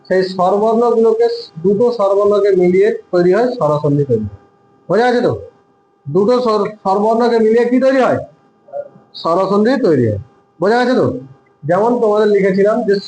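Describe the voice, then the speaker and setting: A man's voice: high voice, a little mellow, reverberant, a little hiss or hum, rough recording. A man teaching a classroom grammar lesson, drilling his students with repeated questions and answers.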